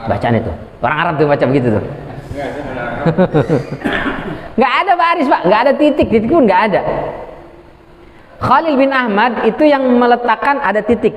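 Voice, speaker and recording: Male preacher, high voice, lively lecture style, speech, answers his own questions. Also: normal speed, long pauses. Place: mosque hall. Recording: echoey hall.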